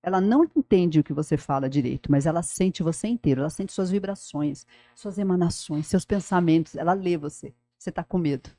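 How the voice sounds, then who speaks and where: Fast-talking São woman, low warm voice. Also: no room sound. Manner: animated storytelling, talks to the listener directly. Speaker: guest, former school director. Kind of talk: casual podcast interview.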